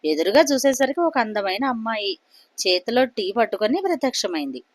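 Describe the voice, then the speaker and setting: A woman telling a story aloud, narrating and voicing each character in turn with expressive shifts. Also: a little high, fairly quick.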